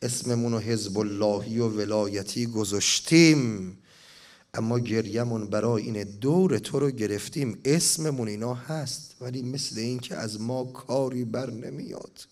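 A man's voice: mid-range voice, darkish tone. A man preaching a mourning sermon, reading an elegy and chanting it, at times rising to impassioned cries.

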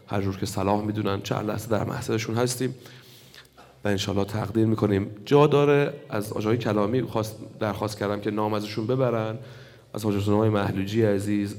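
At a mourning gathering, a religious speaker delivers an emotional storytelling sermon, retelling a tale with quoted dialogue and building to impassioned intensity. His voice is lowish and darkish, and a long hall reverb surrounds it.

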